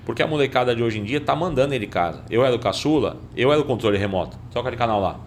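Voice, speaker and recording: A man's voice: mid-range voice, expressive, rapid-fire, slight background noise. A man in a casual podcast conversation, giving earnest, reflective commentary.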